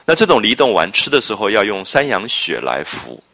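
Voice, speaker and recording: A man with a low but forceful voice lectures on a classic novel, his pitch rising and falling in a lively way. He explains in a drawn-out, reflective manner and keeps asking his listeners whether they follow. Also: gravelly. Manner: explanatory, checks understanding with rhetorical questions; drawn-out, reflective phrasing with frequent interjections. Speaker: literature lecturer.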